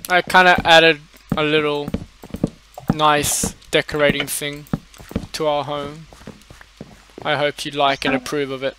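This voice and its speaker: A man's voice: a little high, flat delivery, unhurried, pauses often, noisy background. A man hosting a casual gaming chat, teasing his guest in a dry way. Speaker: host gamer.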